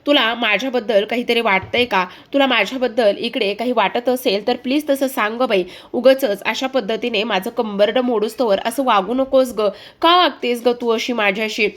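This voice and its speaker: A woman's voice: fairly high pitch, normal speed, hardly any pauses, fairly bright tone, lightly acted. A woman voicing a haughty middle-aged woman who accuses others and complains, in a television serial recap. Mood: aggrieved.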